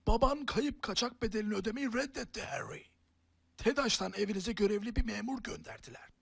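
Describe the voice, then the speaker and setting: A man voicing a gruff giant telling a grim tale in a hushed, ominous way for a comic parody film dub. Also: sits high, lively intonation, brisk, no room sound, heavily acted. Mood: grim, secretive.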